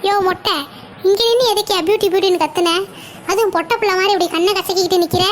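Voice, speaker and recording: A woman voicing a bossy, sharp-tongued wife in a cartoon who scolds and nags her husband. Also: very high-pitched, steady tone, quick pace, slight background noise. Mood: puzzled. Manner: scolding, nagging.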